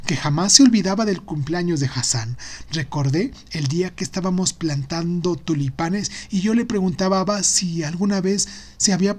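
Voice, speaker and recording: A man reading a literary novel aloud as an expressive audiobook narrator. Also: on the high side.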